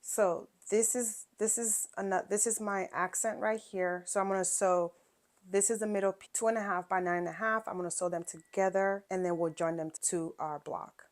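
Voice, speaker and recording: A woman's voice: medium pitch, steady tone, normal speed. A woman hosting a quilting channel, casually talking through each sewing step, with frequent fillers and check-ins. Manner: chatty step-by-step explaining with fillers.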